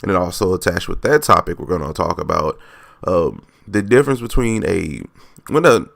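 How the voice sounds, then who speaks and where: A young man with a low, gravelly and raspy voice hosts a casual solo podcast. He rambles loosely, restarts his thoughts and corrects himself as he goes. The sound is dry and close, with no room around it. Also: animated, fairly quick, fairly bright tone, dry recording. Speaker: podcast host.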